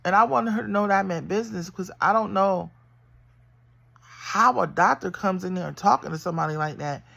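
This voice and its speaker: A middle-aged woman with a gravelly, bright edge to her voice tells her own story casually. She is animated and emphatic, pushing into loud bursts at the heated moments. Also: mid-range voice, a little fast. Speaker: vlogger.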